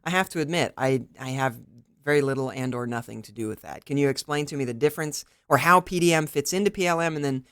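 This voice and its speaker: A man's voice: mid-range voice, quick pace, smooth. A man with a mid-range voice co-hosts a podcast and talks frankly, often joking at his own expense. The sound is dry and close, with no room echo. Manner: candid, self-deprecating, animated. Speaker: podcast co-host. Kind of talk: casual chat.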